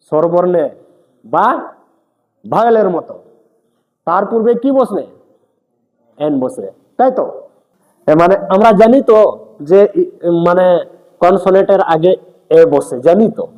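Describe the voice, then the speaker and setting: In an echoey room with a long reverb, a male teacher with a high, dark voice teaches grammar. Addressing his students directly and sprinkling in English terms, he checks again and again that they are keeping up.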